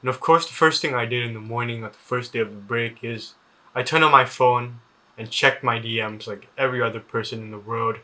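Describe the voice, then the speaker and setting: Teenage boy, comedic storyteller, mock-dramatic, flat-toned, bright forceful voice, filler-heavy. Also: mid-range voice, brisk. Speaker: student vlogger.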